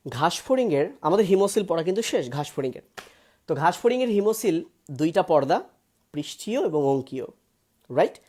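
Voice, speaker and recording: A woman biology teacher, giving a live online lesson in a lively, teasing way and mixing in English words. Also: on the low side.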